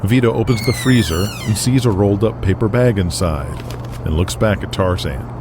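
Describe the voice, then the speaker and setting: Narrating dramatically as the announcer of a scripted audio drama, a man speaks at normal speed in a fairly low pitch. Guitar music runs behind him as a bed, and the background is noisy.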